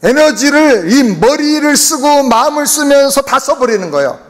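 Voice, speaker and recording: A man's voice: very high-pitched, sing-song, normal speed. A man preaching a sermon as senior pastor, speaking emphatically to his congregation in a church sanctuary. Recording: long reverb of a church hall.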